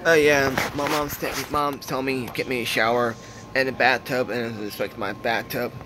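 A man filming a casual home vlog, speaking haltingly and repeating his phrases with many fillers. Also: medium pitch, steady tone, noisy background. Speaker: vlogger. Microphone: phone.

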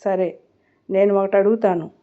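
A man's voice: fairly even intonation, moderate pace, close to an everyday voice. A woman reading the lines of a ruthless male mafia boss in a storybook reading, with a cold, threatening manner, on a muffled recording. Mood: menacing. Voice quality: deep bass voice.

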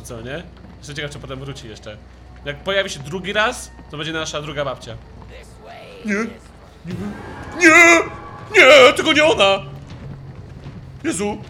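Young male game streamer, high and very lively voice, jumpy, yells when startled, game music behind. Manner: jumpy, shrieks and yells when scared, then mutters low. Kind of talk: live gameplay commentary.

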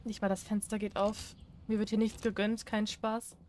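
A woman's voice: medium pitch, level tone, normal speed, a little mellow. A woman playing a horror game and commenting on it, chatty and teasing, reading on-screen prompts aloud and laughing often. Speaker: gaming YouTuber. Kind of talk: let's play commentary.

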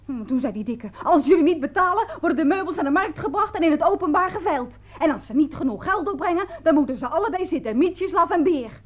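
A fiery, devoted young orphaned servant girl in a radio play, with a high, ringing voice. She tells her story in an excited rush, stammering and tripping over her words. The sound is dull and muffled, like an old broadcast recording. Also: fast talker, hardly any pauses. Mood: agitated. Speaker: household servant. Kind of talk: 1950s-style radio drama acting.

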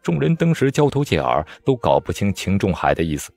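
Man narrating an audiobook, deep voice, expressive, dry close sound. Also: a little fast, gravelly, dry recording. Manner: lively, expressive storytelling. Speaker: storyteller. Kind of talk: audiobook narration of a wuxia novel.

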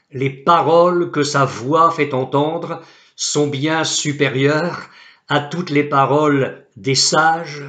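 A male pastor preaching a sermon, speaking slowly and deliberately and quoting scripture solemnly. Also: a little high, a bit bright, reverberant. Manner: slow, deliberate preaching with solemn Bible quotations.

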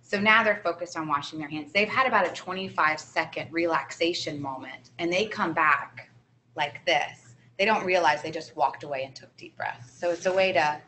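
A woman's voice: sits low, moderate pace, pushed and bright, slight background noise, low-quality recording. A woman co-presenting a training seminar, explaining behavior strategies in an upbeat way. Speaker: early childhood trainer.

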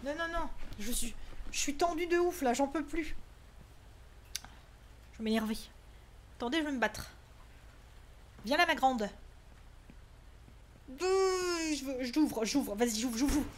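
A woman's voice: sits high, lively intonation, a little slow, pauses often, a little hiss or hum. A woman streaming a horror game, talking jumpily and anxiously, swearing and exclaiming as she plays. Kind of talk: live gaming commentary.

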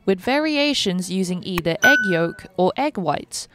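A young woman giving a scripted, even voice-over for her travel vlog. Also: lowish voice, a little slow. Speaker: travel vlogger.

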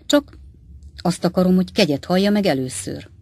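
A woman's voice: lowish voice, darkish tone, dry recording. Woman voicing a sly, knowing man. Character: sly, teasing man, a traveling salesman. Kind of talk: audiobook character voice.

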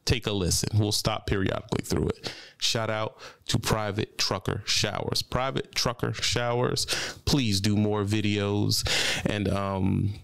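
Low gravelly guy doing blunt trucker commentary, smooth clear studio mic, dry sound. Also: steady tone, measured pace, fairly bright tone, dry recording. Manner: blunt, preachy, repeats phrases for emphasis. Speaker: trucking channel host. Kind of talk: commentary on a reaction video. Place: home studio with colored lights. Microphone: studio mic on a boom arm, headphones.

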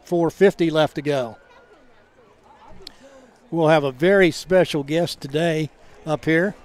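A man doing live football play-by-play commentary in a halting, conversational way. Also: on the high side. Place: outdoor college football game. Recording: crowd noise behind, outdoor stadium. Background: game crowd.

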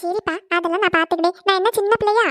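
A woman voicing a spoiled young bride from a rich family in a cartoon, talking quick and pouty. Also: very high-pitched, steady tone, fairly bright tone, dry recording, studio quality. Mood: reassuring. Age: young adult. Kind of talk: cartoon voice acting.

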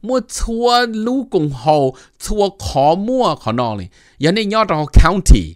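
A middle-aged man hosting a casual informational talk, animated and mixing in English terms. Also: sits high, unhurried, dry recording, clean studio sound. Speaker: host giving advice.

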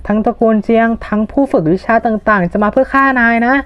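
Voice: mid-range voice, quick pace, no echo, lightly acted. A dub reader voicing a proud young woman mage who insists she is not worried, in a manga fan dub. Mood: huffy. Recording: dull lo-fi voice-over with faint music.

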